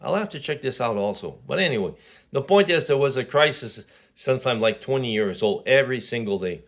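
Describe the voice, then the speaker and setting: A man's voice: medium pitch, animated, fairly quick. Man, sixties, from Quebec, casual vlog monologue, rambling, full of fillers and restarts. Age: 60s. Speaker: vlogger.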